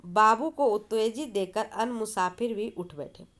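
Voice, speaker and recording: Reading a story aloud at a measured pace, a woman teacher speaks in a medium pitch with a slightly bright quality. She explains the story by asking questions and answering them herself.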